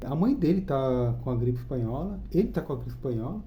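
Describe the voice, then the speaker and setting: On his own channel, a Brazilian man speaking with a Brazilian Portuguese accent gives an enthusiastic, conversational comic book review, tossing in frequent tag questions to the listener. His mid-range voice is animated and dark in tone, he talks a little fast, and slight background noise is present.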